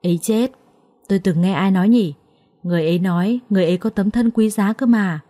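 A woman's voice: medium pitch, a little fast, mellow, lightly acted. A woman voicing a stern young male master of the house who speaks curtly. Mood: teasing. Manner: curt, scolding.

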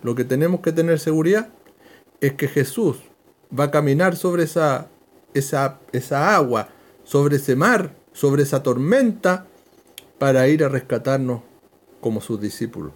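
A man teaching a verse-by-verse Bible lesson, slow and emphatic, repeating key phrases. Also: a little high, lively intonation.

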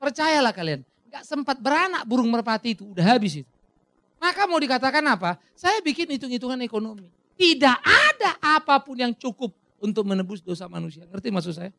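A man preaching a sermon as pastor, animated and dramatic, asking the crowd questions and acting out little dialogues. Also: very high-pitched, fairly quick, creaky, no room sound.

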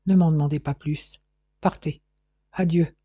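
A man's voice: fairly high pitch, steady tone, unhurried, warm tone, husky, dry recording. A man voicing a proud young woman who answers coldly and bitterly, on a dull, dry recording. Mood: firm. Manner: cold, firm, bitter.

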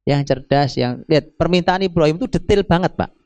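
A middle-aged man preaching a sermon, animated and emphatic, often addressing his listeners directly. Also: on the high side, fairly quick, no echo. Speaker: Islamic preacher.

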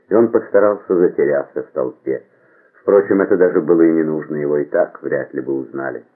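A man reading a novel aloud as an audiobook narrator, in a measured, expressive way. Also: low-pitched, slightly rough. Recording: tinny phone-like band.

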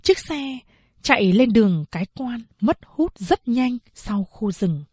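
A woman reads a novel aloud in measured, steady storytelling. Her voice is husky and slightly breathy, recorded close and dry with no room sound. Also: a little high, dry recording. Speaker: audiobook narrator. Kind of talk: scripted narration.

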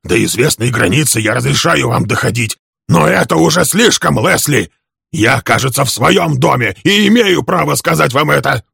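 A man voicing a hoarse older gentleman who pleads and commands to calm a quarrel in his home. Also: mid-range voice, normal speed, no room sound, clean studio sound, voice pushed up, heavily acted. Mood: stern. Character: older male host, stern and placating.

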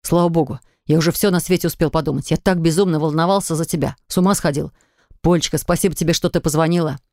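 A woman reading an audiobook, voicing a devoted man who speaks softly and affectionately to the mother of his newborn. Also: sits low, steady tone, quick pace, dry recording, clean studio sound. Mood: soothing. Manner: soft, soothing, affectionate. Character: tender man in his thirties, devoted new father.

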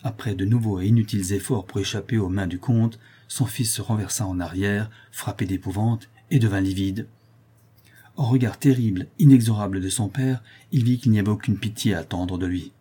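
Man, audiobook narrator, measured dramatic reading, low, husky. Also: mellow. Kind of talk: scripted narration.

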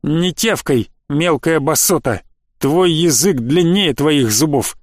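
A man's voice: on the high side, slow, dry recording, clean studio sound. A man reading a cocky young space pilot. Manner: cool, cocky. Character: young male spaceship pilot, cool-headed. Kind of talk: audiobook reading.

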